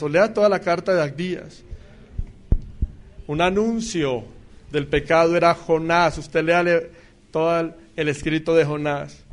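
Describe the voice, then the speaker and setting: A male preacher giving an emphatic sermon that swings between loud declarations and quiet asides. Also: a little high.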